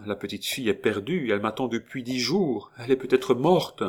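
A man voicing a young count, a grieving, guilt-ridden son, speaking quietly in an audiobook reading. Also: expressive, a little fast, close to an everyday voice. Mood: sorrowful. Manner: quiet, subdued, low-spoken. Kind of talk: audiobook reading of a classic novel.

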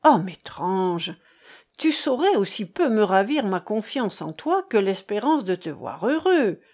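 A woman's voice: mid-range voice, very animated, unhurried, darkish tone. A woman reading the part of an earnest young man who comforts and reassures a troubled companion, in a storybook narration. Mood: earnest comforting.

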